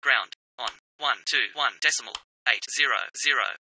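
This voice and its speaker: A man voicing a ground controller giving clipped radio clearances. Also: medium pitch, moderate pace, very noisy, pitched below the performer's own voice, lightly acted.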